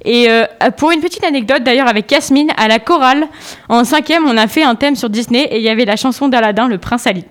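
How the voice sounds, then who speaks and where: A woman playing along in a casual quiz, chatty and quick to protest. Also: fairly high pitch. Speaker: quiz contestant. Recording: faint music behind.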